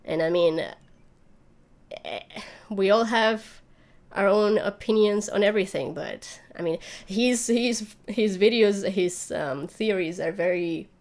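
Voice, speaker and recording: This woman, a YouTube channel host, has a medium-pitched voice with a somewhat dark tone. On her livestream she answers viewer questions in a loose, rambling way, thinking out loud as she chats.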